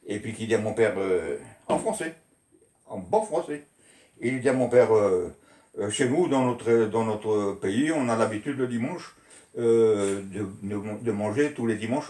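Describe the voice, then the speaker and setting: A man's voice: medium pitch, darkish tone. Older man, casual reminiscing, rambling, frequent laughter, echoey room. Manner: rambling, laughing often, colloquial. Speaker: storyteller recalling childhood.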